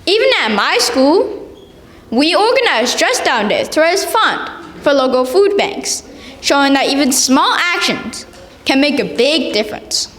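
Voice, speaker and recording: Kid reciting a memorized speech stiffly, really slow, echoey hall. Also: high-pitched, very animated, fairly bright tone. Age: child, 9 or 10. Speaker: contest speaker. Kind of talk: prepared competition speech.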